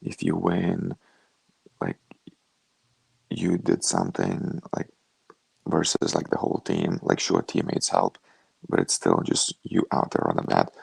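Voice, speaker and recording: A young man from Lithuania, a fighter telling his story over a video call in a relaxed, rambling way with lots of "like". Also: deep voice, a little slow, creaky, long pauses, breathy edge, no echo. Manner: relaxed storytelling, many "like" fillers. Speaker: guest, professional fighter.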